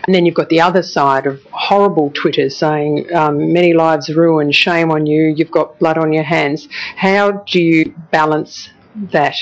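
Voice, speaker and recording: A television journalist with an Australian accent conducts a news interview in an earnest, probing, emotive way. Her deep voice moves unhurriedly with fairly even intonation, and the broadcast audio sounds dull and band-limited.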